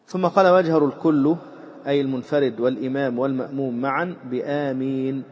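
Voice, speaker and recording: In a muffled, low-fidelity recording with faint background noise, a male teacher delivers a lesson on Islamic jurisprudence. He reads lines from a classical text and then explains them, using fillers and repetition. His voice is fast and darkish, with fairly even intonation.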